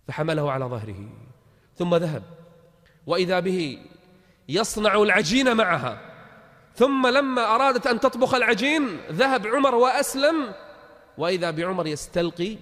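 A man preaching a storytelling sermon, dramatically swinging between loud exclamations and hushed tones. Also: sits high, big-room sound.

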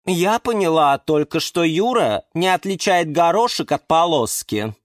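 A man's voice: fairly high pitch, animated, measured pace, no echo, clean studio sound, pitched above the performer's own voice. A man doing a prim, sniffy orchid lady. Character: haughty fashion-minded female orchid.

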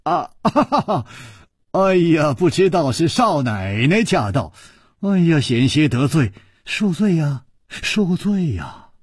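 A man's voice: a little high, very animated, slow, husky, no room sound, studio quality, pitched above the performer's own voice, full character voice. Chu Liuxiang, a man doing a laughing swordsman. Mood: teasing. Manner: raised voice, laughing, teasing. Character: suave playful male swordsman hero, teasing.

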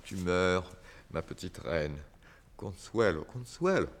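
A sad clown guy, really deep voice, slow and deliberate, old radio play. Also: expressive, exaggerated voice. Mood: grieving. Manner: soft, slow and deliberate, rising to bitter outbursts. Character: sad male circus clown, tender and bitter. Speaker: Celui. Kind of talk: 1960s French radio drama acting.

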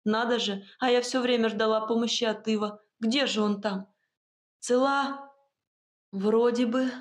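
Brief: woman narrator, first-person fantasy audiobook, steady expressive reading, a bit higher pitch. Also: moderate pace.

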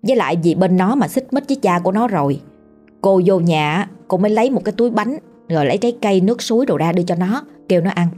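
A woman's voice: medium pitch, animated, quick pace, warm tone, soft background music. A woman with a Southern Vietnamese accent telling a ghost story in a chatty, colloquial way.

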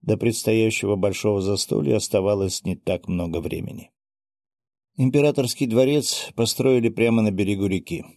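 Guy reading a fantasy audiobook, lowish voice, dry studio sound. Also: normal speed, gravelly, darkish tone, no room sound. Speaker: audiobook narrator. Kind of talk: first-person fantasy audiobook narration.

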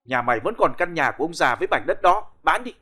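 A man's voice: a little high, animated, breathy edge, exaggerated voice. A man doing a pushy, scolding middleman. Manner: fast, loud and scolding.

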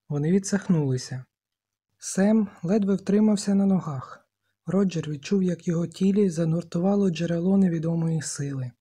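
An audiobook reader giving steady, measured scripted narration of a novel. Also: mid-range voice, breathy edge.

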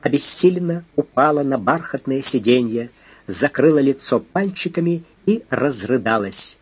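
A man narrating a detective novel, in measured, expressive literary reading. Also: mid-range voice, husky, no echo, muffled recording. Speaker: audiobook narrator.

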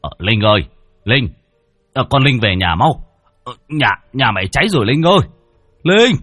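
A man voicing a flustered older school guard shouting breathlessly. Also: mid-range voice, big pitch swings, moderate pace, no room sound, faint music behind, pitched above the performer's own voice. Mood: frantic.

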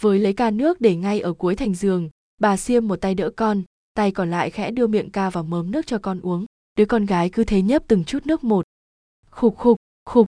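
A woman narrating a ghost story audiobook in a steady, dramatic storytelling manner. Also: mid-range voice, brisk, dry recording, clean studio sound.

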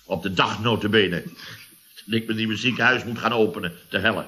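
An actor playing a pompous, indignant boss of a building firm in a 1960s radio comedy. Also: male voice, on the low side, fairly quick, sharp tone.

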